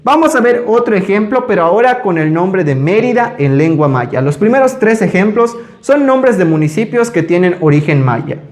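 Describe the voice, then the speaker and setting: A man teaching a language lesson, speaking slowly and carefully when he pronounces each example. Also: high voice. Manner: slow, careful pronunciation of examples. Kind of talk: scripted lesson.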